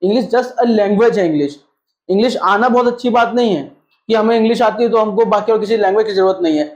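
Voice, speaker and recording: High-voiced teacher lecturing in an echoey room. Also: male voice, fast. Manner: asks rhetorical questions and answers them; mixes English terms into Hindi. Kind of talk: classroom-style lecture. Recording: echoey room, slightly dull sound.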